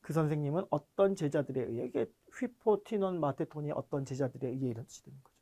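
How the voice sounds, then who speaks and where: High-voiced man teaching grammar. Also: lively intonation, mellow. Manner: explanatory, often checks understanding with questions; reads foreign words slowly and deliberately. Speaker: language teacher. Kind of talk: online grammar lecture.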